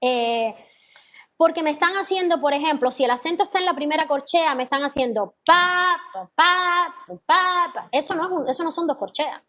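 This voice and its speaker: A woman's voice: high voice, fairly quick. A woman teaching a singing class, explaining patiently and singing sample notes and scat syllables. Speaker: vocal teacher. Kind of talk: online class feedback to students.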